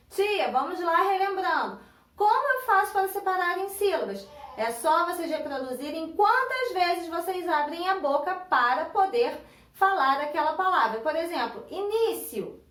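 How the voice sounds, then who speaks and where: A woman's voice: very high-pitched, very animated, normal speed, fairly bright tone. A Brazilian woman teaching a grammar lesson in a classroom, patiently breaking words into syllables and repeating them. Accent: Brazilian Portuguese. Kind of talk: recorded online classroom lesson. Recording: echoey room, voice from a distance.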